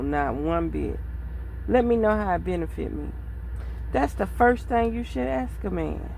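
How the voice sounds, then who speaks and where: A woman's voice: fairly low pitch, gravelly, a little mellow, slight background noise, low-quality recording. A woman in her thirties talking bluntly and profanely in a rambling casual vlog monologue. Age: 30s. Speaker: vlogger.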